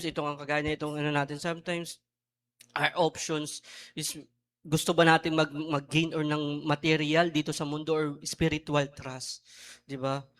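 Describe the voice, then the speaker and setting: A man with a Filipino accent, a deacon giving a sermon, telling a personal story and acting out both sides, then preaching with loud emphasis. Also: on the high side.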